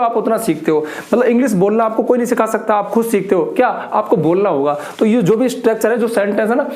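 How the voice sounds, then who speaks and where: A man teaching English grammar in a lesson, explaining slowly and repeating his key points. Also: sits high, darkish tone. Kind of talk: classroom-style grammar lesson. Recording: echoey room.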